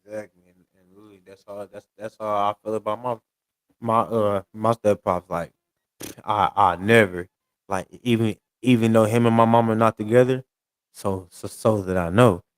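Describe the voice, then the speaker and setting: A man's voice: lowish voice, fairly even intonation, moderate pace, smooth, no room sound. A man in casual podcast chat, rambling and repeating himself as he restarts his thoughts.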